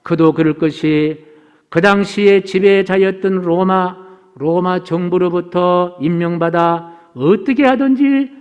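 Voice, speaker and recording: A man's voice: sits high, steady tone, a little slow, clear, resonant tone, highs cut off. A middle-aged man preaching as pastor, delivering an earnest, repetitive sermon. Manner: earnest preaching, opens with recited verse. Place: church sanctuary. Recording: long hall reverb.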